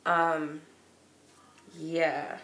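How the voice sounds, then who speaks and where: A woman with a cold and a stuffy nose gives a casual live-streamed tarot reading, chatting loosely with lots of likes and ums. Her voice is low, her delivery flat and extremely slow. The room is echoey and noisy.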